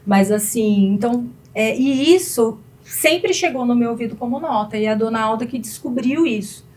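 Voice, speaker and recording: A woman's voice: fairly high pitch, moderate pace, a little mellow. A Brazilian woman with a Brazilian Portuguese accent, a pianist and piano teacher, chatting as a guest in an interview with frequent fillers. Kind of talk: casual interview chat.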